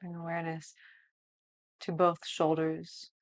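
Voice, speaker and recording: A woman yoga teacher leading a guided yoga nidra relaxation like a sleep story narrator, soothing and hushed, with long pauses. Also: fairly low pitch, completely flat delivery.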